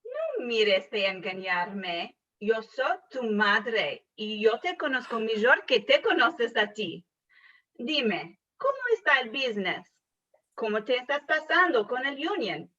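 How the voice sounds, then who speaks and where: A fussing, scolding mother, read by a woman, nags her grown son with a bright, slightly high voice that moves slowly. She sounds set back from the mic, and the sound is dull and lo-fi. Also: very animated, far from the mic, full character voice. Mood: nagging. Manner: scolding, nagging, full of complaints. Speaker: student reading a scripted dialogue. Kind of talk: read-aloud scripted dialogue.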